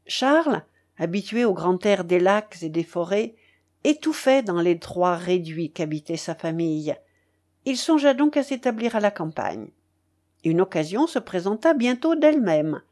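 A woman narrating a classic novel in a measured, steady audiobook voice. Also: mid-range voice.

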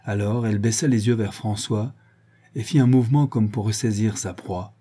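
Man, audiobook narrator, husky voice, mellow low tone, measured literary reading.

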